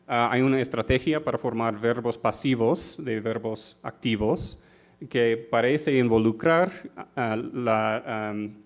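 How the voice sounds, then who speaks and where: A man giving an academic conference talk in a university auditorium, speaking carefully with frequent fillers and self-corrections. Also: medium pitch.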